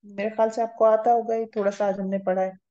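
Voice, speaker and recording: A woman delivers a grammar lecture in class with a warm, mellow, medium-pitched voice and a flat delivery. She is patient, explains step by step and often checks that everyone is following, captured in a roomy, slightly muffled lo-fi recording.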